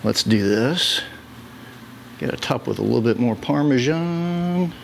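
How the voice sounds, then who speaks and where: A man's voice: medium pitch, lively intonation, measured pace, creaky, slight background noise. A man hosting a casual home cooking video, joking around and chuckling as he cooks. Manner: joking, easygoing, chuckles often. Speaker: cooking show host. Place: home kitchen.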